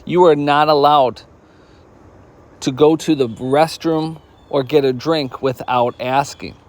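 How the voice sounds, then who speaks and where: A man's voice: a little high, steady tone, slow pace, a little mellow. A man, a school principal, narrating an instructional video for students in a firm, directive way.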